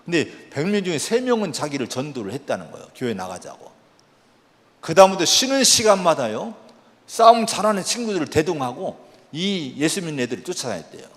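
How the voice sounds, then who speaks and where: A man's voice: a little high, sing-song, a little fast, in a large hall. A man preaching a sermon in a church, telling a story with feeling and exhorting the congregation. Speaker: pastor. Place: church sanctuary.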